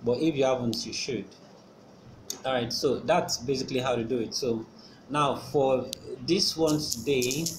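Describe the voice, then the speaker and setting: A man hosting a casual screen-recorded tutorial, explaining step by step with many fillers and restarts. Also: medium pitch. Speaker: channel host explaining trading. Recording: noisy background ambience.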